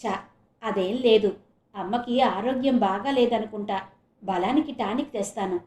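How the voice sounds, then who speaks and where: A woman's voice: mid-range voice, normal speed, dark tone, echoey room, natural voice. A woman voicing an exasperated middle-aged husband and father who speaks in a stern, reasoning tone. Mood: soothing.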